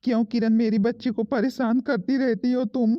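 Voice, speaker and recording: A voice actor playing a calm father in an animated cartoon, reasoning and reproachful toward his wife. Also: mid-range voice, normal speed, dry recording, highs cut off, lightly acted. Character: mild-mannered father defending his daughter.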